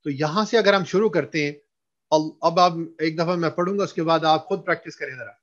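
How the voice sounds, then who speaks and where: A man teaching a recitation class, explaining in Hindustani mixed with English and slowly chanting drawn-out verses for students to repeat. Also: fairly high pitch, a bit bright, highs cut off. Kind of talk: online recitation lesson.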